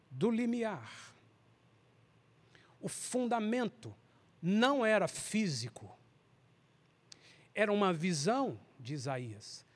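Husky high-voiced man teaching worship. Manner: fervent, sometimes breaks into loud singing. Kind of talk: teaching a lesson on worship, with sung passages.

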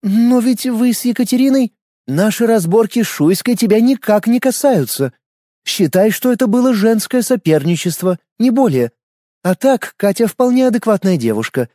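A man's voice: high voice, dark tone, dry recording, clean studio sound, pitched above the performer's own voice. A man voicing a young princess heiress who speaks coldly and strictly, lecturing her friends, in an audiobook.

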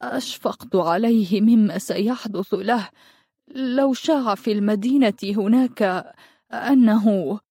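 A woman voicing an old village woman who raised a foundling, speaking slowly and pleadingly. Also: medium pitch, warm tone, husky, dry recording, clean studio sound. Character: old village woman, anxious foster mother.

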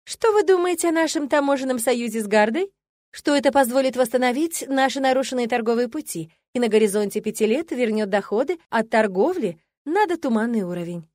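A woman reading an audiobook, voicing a gaggle of young noblewomen who chirp and gush with excitement. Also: extremely high pitch, moderate pace, hardly any pauses, dry recording, clean studio sound, voice pushed up. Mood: eager. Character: gushing young noblewomen, eager fan club.

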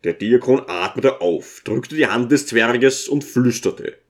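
A man narrating a classic novel as an audiobook in a measured, deliberate manner. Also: mid-range voice, animated.

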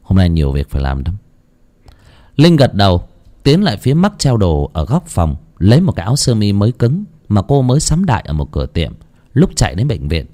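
A man narrating a ghost story in an expressive, dramatic storytelling manner. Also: on the low side, brisk.

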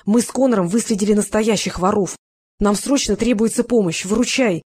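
A woman narrator voices a determined young heroine, the daughter of a police chief. She speaks urgently and keeps her voice low and tense, staying near the reader's own tone. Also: brisk, a little mellow, slightly rough, no room sound, clean studio sound, natural voice.

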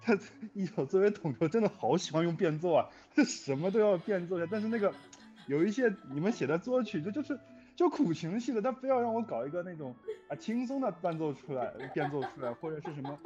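Speaking fast in a high register, this male guest chats casually and complains in a playful way as he spins lively stories. He works as a music arranger and composes scores, and the sound is muffled and lo-fi with music running underneath.

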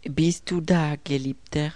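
A man's voice: on the high side, steady tone, slow, a little mellow, no room sound, pitched above the performer's own voice. A man voicing a frightened young woman with a slight foreign accent who pleads urgently over the phone. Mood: pleading.

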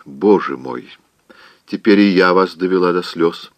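A man's voice: medium pitch, very animated, moderate pace, dry recording, pitched above the performer's own voice, natural voice. A man voicing a spoiled, wilful young woman who pleads and storms, in an audiobook reading. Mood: petulant pleading.

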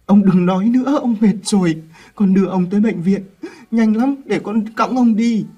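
A man's voice: high-pitched, takes it slowly, mellow, dull audio, voice pushed up. A man voicing a young former addict who cries and pleads. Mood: sobbing desperate. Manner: crying, pleading. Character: young male ex-addict, sobbing, desperate.

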